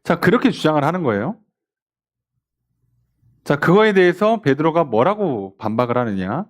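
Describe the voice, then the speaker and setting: A man's voice: fairly high pitch, moderate pace. A man, a pastor, leading a midweek Bible study in church, asking the class questions and acting out the scoffers' words. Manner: animated, asks the class questions and mimics scoffers.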